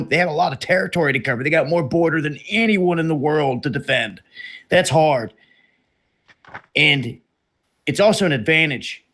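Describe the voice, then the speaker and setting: A man's voice: on the high side, a bit bright. Rambling opinionated male stream host. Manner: rambling, opinionated, swears casually. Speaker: livestream host. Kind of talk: casual live-stream talk.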